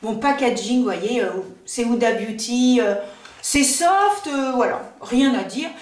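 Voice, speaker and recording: High, chatty woman in an echoey room. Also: expressive, a little slow, distant mic. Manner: chatty, lots of fillers, self-mocking asides. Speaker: beauty vlogger. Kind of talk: casual makeup review. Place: room at home in the countryside. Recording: roomy echo, voice a bit off-mic.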